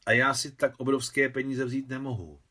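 A shy young bride speaks in a raised, hesitant voice, as a male reader plays her. She sounds unsure and a little embarrassed, with the lift in pitch that marks her lines as a voiced part in an audiobook. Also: fairly even intonation, bright, forceful tone.

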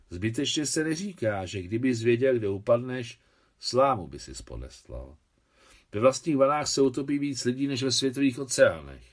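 Man doing a fussy, good-natured old aunt. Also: mid-range voice.

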